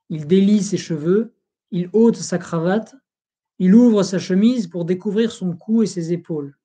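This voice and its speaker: Narrator: solemn audiobook reader of an old history book, mellow, steady. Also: mid-range voice, slightly rough. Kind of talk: reading a history book aloud.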